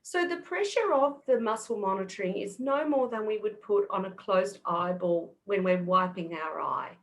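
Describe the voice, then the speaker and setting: Middle-aged Australian woman, podcast guest, mid-range voice, steady and explanatory. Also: medium pitch, normal speed. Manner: patient, explanatory. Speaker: guest kinesiologist. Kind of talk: podcast interview.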